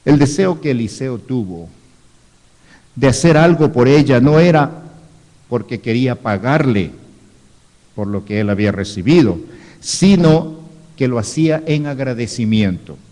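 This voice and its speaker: A pastor from Ecuador teaches in a sermon, reading scripture aloud and adding rhetorical asides, live-streamed from a reverberant church hall. His medium-pitched voice is mellow and animated, unhurried, with long pauses.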